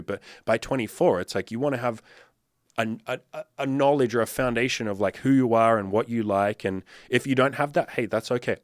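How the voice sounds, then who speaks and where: A man's voice: mid-range voice, dry recording, clean studio sound. A man in his thirties, a dating coach giving blunt, profane, fired-up advice in a casual monologue. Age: 30s.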